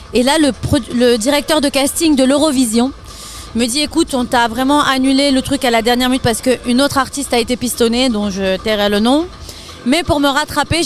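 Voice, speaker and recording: A French woman with a high voice chats freely as an interview guest, laughing easily between her stories. Faint music plays in the background. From France. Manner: lively, laughs often, chatty with fillers. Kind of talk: casual interview chat.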